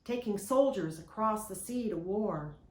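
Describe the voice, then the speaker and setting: A woman's voice: medium pitch, expressive, a little slow, lightly acted. A woman doing a knowing seven-year-old boy. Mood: explaining. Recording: roomy echo.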